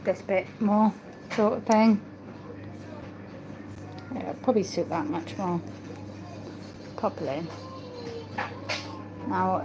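A woman's voice: mid-range voice, poor audio. A woman, chatting casually while she cleans and cooks on a phone livestream from her small kitchen. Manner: chatty, rambling, talks while doing chores. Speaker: livestream host. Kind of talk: casual cooking livestream chat. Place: small home kitchen and dining room. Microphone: phone camera, often at arm's length or propped across the room.

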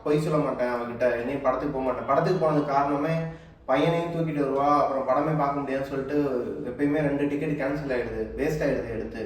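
A man's voice: mid-range voice, steady tone, quick pace. A man in a home comedy video, pleading and apologizing in a flustered way. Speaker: husband being pranked. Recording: echoey room from far off with faint noise.

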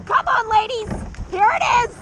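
Very high-pitched young woman coxswain, noisy recording. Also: lively intonation, moderate pace. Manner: urgent, clipped, repetitive motivational calls. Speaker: rowing coxswain. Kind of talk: shouted race commands. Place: outdoors in a boat on open water. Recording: loud wind and water noise. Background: rowing clicks, water and wind.

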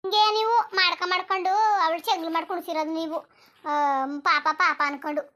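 A woman's voice: very high-pitched, quick pace, sharp tone. A woman voicing a fed-up village mother in a cartoon who scolds and complains at length. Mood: scolding. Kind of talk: cartoon voice acting.

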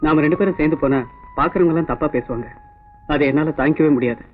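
A man's voice: fairly high pitch, fast, a little hiss or hum, close to an everyday voice. An actor playing a reserved, polite young writer who keeps his distance. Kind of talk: 1980s Tamil film dialogue. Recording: tinny old film soundtrack with faint music.

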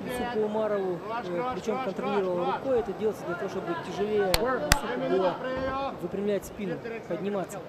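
A man with a high voice gives live fight commentary. He explains the action analytically while a very loud arena crowd sounds behind him. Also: quick pace. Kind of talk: live MMA play-by-play commentary.

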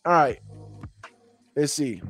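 Guy on a stream muttering over game film, repeats himself a lot, slightly high voice, faint music going. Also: expressive, takes it slowly. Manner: thinks aloud, repeats phrases, mutters to himself. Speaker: podcast host reviewing game film. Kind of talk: casual film breakdown for a live stream audience.

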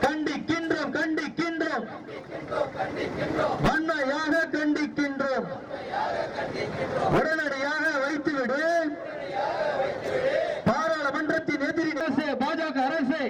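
High-pitched Tamil Nadu man chanting through a megaphone. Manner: emphatic repeated short phrases. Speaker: protest slogan leader. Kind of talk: chanted protest slogans. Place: outdoors at a street protest. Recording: distant, very noisy outdoor crowd recording.

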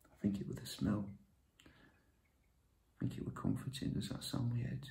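A gravelly, low-voiced man, as an actor plays him, confides in halting bursts and sinks into whispers. His tone is dark and mellow, and the sound is echoey. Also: very animated. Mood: confessional. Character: withdrawn man raised by his grandmother, confessional. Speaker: actor performing a monologue. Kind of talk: dramatic monologue. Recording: echoey room.

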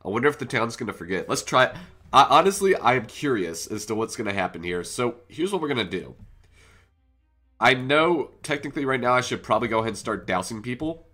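A man hosting a gaming channel, his voice congested from a cold, thinks aloud and chats casually as he plays his own game. He speaks briskly in a medium-pitched, sharp tone with big pitch swings, over a faint music bed.

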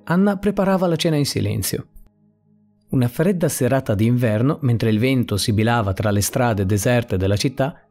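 A man's voice: mid-range voice, mellow. A man narrating a dramatic story with emotive, scripted delivery. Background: faint music.

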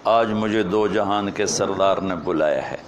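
A man voicing a dead female lizard that speaks devoutly, reciting slowly and solemnly. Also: low-pitched, voice pushed down, close to an everyday voice. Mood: reverent.

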